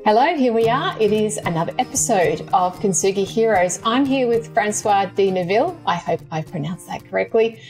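A woman's voice: medium pitch, expressive, fairly quick, hardly any pauses, darkish tone, soft background music. A woman in her forties hosting a podcast interview, earnest and thankful toward her guest, speaking on a video call. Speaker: podcast host. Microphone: headset and desk mic on video call.

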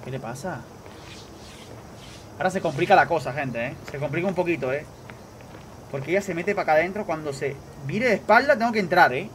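A man doing live gameplay commentary, excitable, repeating phrases rapidly and talking straight to his chat. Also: on the high side, a little hiss or hum. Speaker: gaming streamer.

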